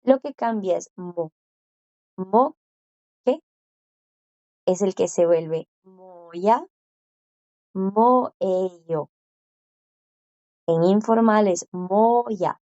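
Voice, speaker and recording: A woman teaching a class, explaining patiently and repeating words slowly for her students to copy. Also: medium pitch, warm tone, no room sound, lo-fi sound. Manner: slow, careful pronunciation drills with repetition. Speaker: Korean language teacher.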